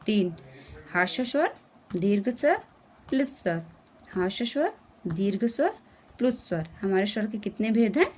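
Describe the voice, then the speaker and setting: A woman's voice: mid-range voice, animated, moderate pace, pauses often, darkish tone. A woman teaching a classroom lesson, explaining step by step, asking questions back and checking understanding again and again.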